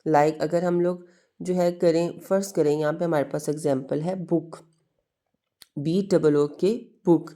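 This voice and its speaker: A woman's voice: low-pitched, fairly even intonation, a little slow, warm tone. A woman teaching an English lesson to students, patiently asking questions and answering them herself while mixing two languages. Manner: mixes Hindi-Urdu with English, calls students "beta". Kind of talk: classroom lesson explanation.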